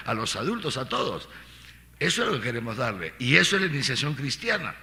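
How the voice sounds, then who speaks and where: A middle-aged man, an archbishop giving catechesis to a congregation. He preaches in a lively way, asking rhetorical questions and repeating his phrases. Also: mid-range voice. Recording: long reverb of a large hall.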